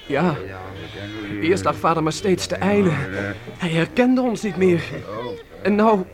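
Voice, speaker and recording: A worried young son. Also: male voice, sits high, expressive, unhurried, crowd noise. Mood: anxious. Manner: urgent, anxious. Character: young male son, worried, pleading for help. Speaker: son of sick parents. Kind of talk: radio drama acting.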